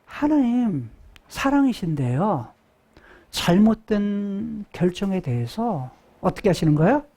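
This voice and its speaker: Woman pastor, husky voice, lively swooping pitch, asks and answers her own questions, whispers for emphasis. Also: measured pace. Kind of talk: sermon.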